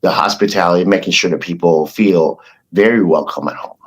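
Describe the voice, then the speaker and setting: A man's voice: sits low, a little fast, husky. A man from the Philippines, a restaurant founder talking earnestly as a podcast guest. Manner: earnest, with frequent restarts and fillers. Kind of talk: casual podcast interview.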